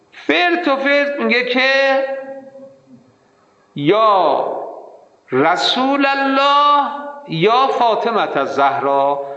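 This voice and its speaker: A man teaching Arabic grammar in an animated, emphatic way, mimicking his students' mistaken readings. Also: high voice. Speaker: seminary teacher. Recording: echoey hall, slightly dull sound.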